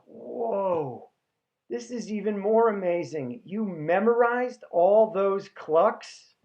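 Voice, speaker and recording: A man voicing an enthusiastic, bubbly seventeen-year-old boy who talks in excited bro-speak. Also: sits high, takes it slowly, highs cut off, voice pushed up, full character voice.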